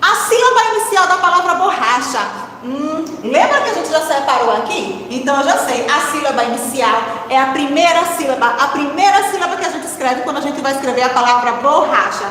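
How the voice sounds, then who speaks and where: A woman's voice: sits high, lively intonation, a bit bright, a little hiss or hum. Teacher woman spelling syllables, echoey room. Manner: slow, spelling out syllables to children; encouraging, asks the class questions. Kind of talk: primary-school literacy lesson. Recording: echoey room with long reverb.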